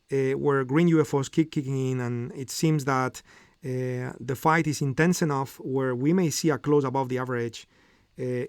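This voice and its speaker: A man's voice: mid-range voice, a little mellow, no room sound, clean studio sound. A middle-aged man hosting a live trading lesson, explaining step by step with frequent fillers and "okay?" check-ins. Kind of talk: live market commentary and teaching.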